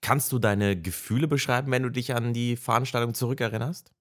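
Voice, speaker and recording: A man hosting a podcast who translates his guest's answers line by line in a steady, plain way. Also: mid-range voice, brisk. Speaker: podcast host and interpreter. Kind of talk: podcast interview with German interpretation.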